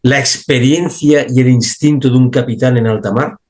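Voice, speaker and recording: A man's voice: medium pitch, steady tone, moderate pace, a little mellow. A man hosting an interview, asking questions hesitantly, repeating words and agreeing often. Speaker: host.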